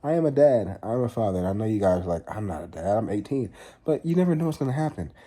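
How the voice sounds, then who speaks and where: A young man in his twenties talks straight to his viewers in a casual fitness vlog. His voice sits low and sounds husky and mellow. He is earnest, circles back on his points and swears offhandedly. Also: big pitch swings, fast talker. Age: 20s. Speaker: fitness vlogger. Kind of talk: casual vlog talk to camera.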